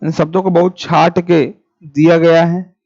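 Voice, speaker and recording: Male online teacher, higher voice, slow dictation with repeats, casual asides to viewers, muffled sound. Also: level tone, a little mellow. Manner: chats with viewers' comments. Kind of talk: live-streamed exam class. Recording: dull lo-fi sound.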